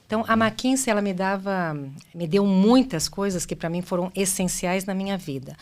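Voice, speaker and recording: In a conversational interview about her career, a middle-aged Brazilian executive born to Argentine parents speaks at a moderate pace. Her voice is mid-range with a darkish tone. She weighs her words, frequently starts phrases over, and ends them with "né?".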